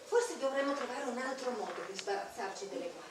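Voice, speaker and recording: A woman's voice: fairly high pitch, animated, fast, lightly acted. An actress playing a playful, scheming female clown on stage, chatty and coaxing her listener. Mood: conspiratorial. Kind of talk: live tragicomic stage performance. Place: large old hall or castle venue. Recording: echoey, distant live stage recording with noise.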